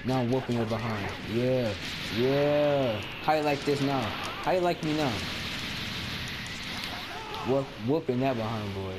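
An excitable man commenting on his game, trash-talking the opponent in a mid-pitched voice. Loud game music plays behind him. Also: unhurried, pauses often. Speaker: gamer. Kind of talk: let's play commentary.

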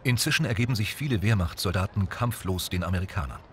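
A man reading scripted documentary narration in a measured, even way. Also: low-pitched, a little hiss or hum. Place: voice-over booth. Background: documentary score.

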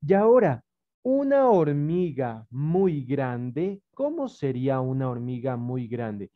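This Ecuadorian-accented primary school teacher has an extremely low voice with big pitch swings and a slow delivery. Over muffled video-call audio, she coaxes young children patiently through an online class, leaning on lots of diminutives.

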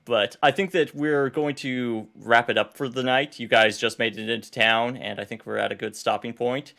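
A man running a livestreamed tabletop game as game master, talking in a halting way with fillers and restarts. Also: mid-range voice, steady tone, vocal fry, pushed and bright.

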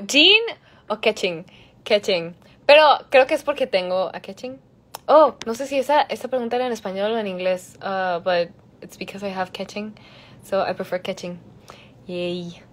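A young woman answering fan questions on a phone livestream, switching between Spanish and English with frequent laughs. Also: fairly high pitch. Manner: bilingual, giggly, chatty, reads questions aloud. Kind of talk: casual livestream Q&A.

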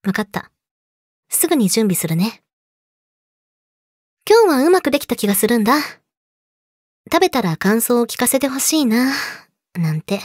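A young woman playing a possessive yandere girlfriend, sweet but menacing, speaking softly and intimately to her lover in an audio drama. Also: on the high side, sing-song, normal speed, long pauses, no echo, clean studio sound. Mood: sweet, domestic. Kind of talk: Japanese situation voice audio drama, addressed to listener.

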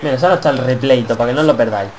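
A man's voice: mid-range voice, racing, darkish tone, low-quality recording. A young man with a Spanish accent from Spain, giving rowdy, swear-filled commentary while playing a wrestling game and taunting his opponent. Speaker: gameplay commentator. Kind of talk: excited let's-play commentary.

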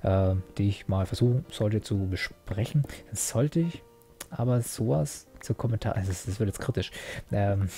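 Young male gaming host, casual self-mocking chatter, dark gravelly tone. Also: mid-range voice. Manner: rambling, self-mocking, frequent fillers and restarts. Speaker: Let's Play host. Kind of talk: casual gameplay commentary.

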